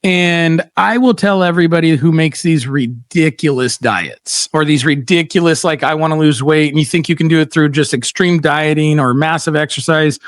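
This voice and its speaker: A middle-aged man hosts a casual livestream chat, blunt and animated, telling stories with plenty of "um" and "like." His voice sits a little high for a man. The sound is dry and close, with almost no room around it. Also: normal speed, few pauses, no room sound. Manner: blunt, animated storytelling with frequent fillers. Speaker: podcast host.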